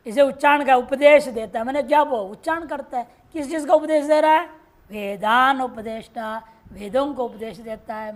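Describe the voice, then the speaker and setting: A woman teaching Sanskrit grammar in a classroom lecture, reciting word forms slowly and explaining each step patiently. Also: high voice. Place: ashram classroom.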